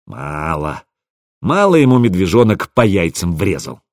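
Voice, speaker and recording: A man narrating an audiobook in the first person, with an expressive, wry delivery. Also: lowish voice, moderate pace, dry recording, clean studio sound.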